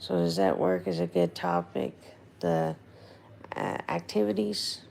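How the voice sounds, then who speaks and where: Female casual livestream host, voice failing and hoarse, slow unhurried chat, very croaky, faint noise behind. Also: rumbling low, wildly swooping pitch, a little mellow. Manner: rambling, informal, checking in with viewers. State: hoarse, losing voice, throat gone. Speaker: livestream host, nursing home resident.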